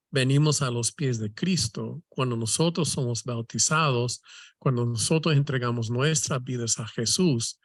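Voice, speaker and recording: A man leading a Bible study, teaching slowly with many restarts and questioning tags. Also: mid-range voice, no echo, studio quality. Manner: slow, halting, many restarts and "¿verdad?" tags.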